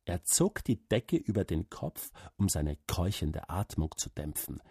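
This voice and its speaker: Slow, husky male storyteller. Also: low voice, expressive, dark tone, dry recording, clean studio sound. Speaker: narrator. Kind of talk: storybook reading.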